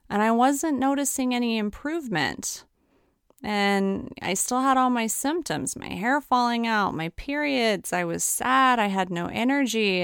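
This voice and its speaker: A woman's voice: medium pitch, a bit bright, clean tone, no room sound. A woman nutritionist telling a personal story in an earnest, candid way, close to the mic. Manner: earnest, candid, emphatic at times. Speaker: nutritionist sharing her story.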